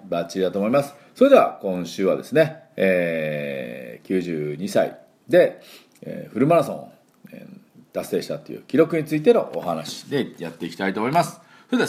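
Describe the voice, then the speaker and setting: Middle-aged male English teacher, low voice that swoops up and down, casual lesson host with lots of drawn-out fillers. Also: a little mellow. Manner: chatty and explanatory, with many drawn-out fillers; demonstrates pronunciation slowly for listeners to repeat.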